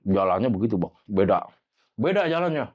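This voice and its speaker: A man telling a story as a guest, in casual, animated storytelling with acted voices and sound effects. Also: fairly low pitch, brisk, muffled recording.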